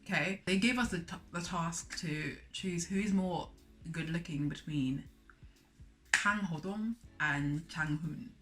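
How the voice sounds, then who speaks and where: Bright, chatty young woman telling a story. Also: lowish voice, measured pace. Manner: chatty, dramatic, acts out voices, lots of "like". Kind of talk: animated casual storytime. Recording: faint music bed behind.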